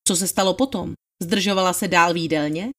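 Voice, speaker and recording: A woman's voice: fairly low pitch, voice pushed down, lightly acted. A woman reading the part of a methodical male attorney questioning a witness, in a formal, probing manner. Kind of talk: dramatized trial testimony reading.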